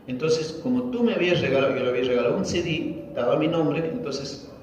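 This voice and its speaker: A man's voice: on the high side, fast, a little mellow, a little hiss or hum. A man, a pastor, giving an emotional testimony sermon and acting out the dialogue of his story. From Peru. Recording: echoey hall, distant mic, dull lo-fi.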